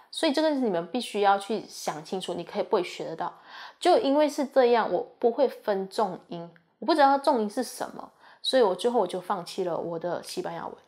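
A young woman talks through her student experience in a chatty, earnest way. Her voice sits at an ordinary middle pitch, and she sounds like a university student passing on advice. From Malaysia. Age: young adult. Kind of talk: casual advice talk.

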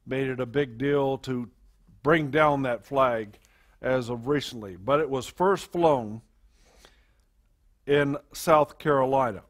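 Slow-spoken pastor at a pulpit microphone. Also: male voice, mid-range voice. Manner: slow, halting delivery with many fillers and restarts. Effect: speaking into a pulpit microphone. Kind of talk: sermon to a congregation.

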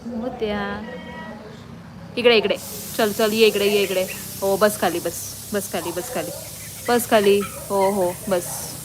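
A woman's voice: medium pitch, fairly even intonation, slow, pauses often. A woman vlogging outdoors, coaxing and scolding her pet dogs in a casual way.

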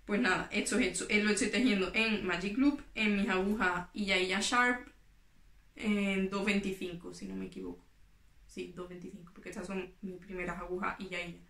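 Sitting in a small room in front of yarn shelves, a young Spanish woman who vlogs about knitting talks casually to the camera while working and explaining. Her mid-range voice is steady and fairly bright at a moderate pace, with an echoey room sound captured by a camera set at table distance in front of her.

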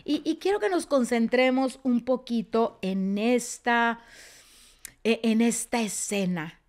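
A woman teaching a Bible story, telling it expressively and often dropping to a soft, quiet tone. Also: a little high, takes it slowly. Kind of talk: teaching sermon.

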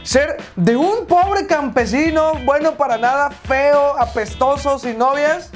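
Brief: young man, northern Mexican accent, teasing host, high lively voice, light music under him. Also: a little slow. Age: 20s. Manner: teasing, prodding questions. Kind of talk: comedy sketch interview. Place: small indoor studio full of toys.

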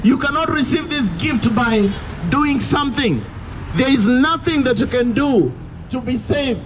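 A man's voice: very high voice, animated, measured pace. A young man preaching insistently on a street pavement through a handheld mic and speaker, heard from a distance with traffic around. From Kenya. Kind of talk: open-air street preaching. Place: roadside pavement outdoors by traffic. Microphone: handheld mic into portable speaker, filmed from afar. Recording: distant outdoor street recording with traffic noise.

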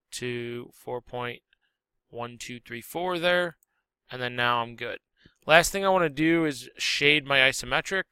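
Bright, crisp man teaching software. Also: mid-range voice, no room sound. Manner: relaxed step-by-step instruction with self-corrections. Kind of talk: screen-recorded software tutorial.

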